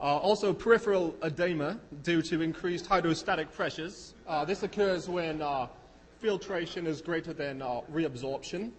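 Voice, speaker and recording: A man's voice: on the high side, long reverb tail. A man presenting a medical case in a put-on Australian accent, playful and hesitant with many fillers.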